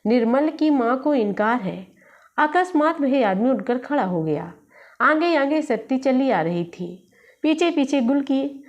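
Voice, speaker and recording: A woman reading a literary short story aloud in a steady, measured way. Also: high-pitched.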